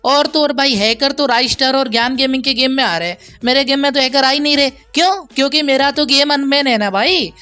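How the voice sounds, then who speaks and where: A man's voice: very high-pitched, brisk, few pauses, sharp tone. A young man hosting a gaming channel, delivering a heated, sarcastic commentary rant that lectures his viewers and keeps calling them brother.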